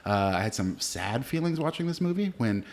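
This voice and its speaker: A man co-hosting a podcast, chatting casually about a movie, relaxed and swearing now and then, with plenty of filler words. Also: mid-range voice, normal speed. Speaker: podcast co-host. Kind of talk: casual movie review chat.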